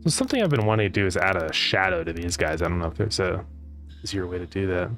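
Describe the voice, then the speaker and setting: A man's voice: low voice, expressive, fast, a bit bright. A man chatting casually as a game developer livestreamer, rambling as he thinks aloud, his speech slightly slurred by retainers. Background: music.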